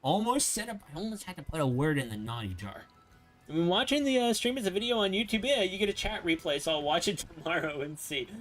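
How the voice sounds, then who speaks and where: A man live-streaming a video game, chatting excitably with his viewers as he plays. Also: high-pitched, fast, faint music behind. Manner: excitable, chatty, talks to viewers while playing. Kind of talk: live-stream gameplay commentary.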